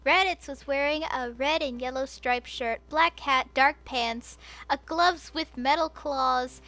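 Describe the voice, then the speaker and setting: High bright woman reading a story. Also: slow. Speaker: fan fiction reader.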